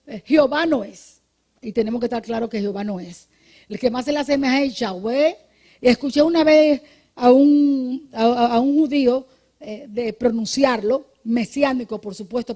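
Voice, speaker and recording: Warm-toned woman pastor teaching a sermon. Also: a little high, slightly rough. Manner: conversational teaching, checks listeners with "¿ok?" and "amén"; repeats and restarts words when thinking. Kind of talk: midday evangelistic sermon. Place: church service.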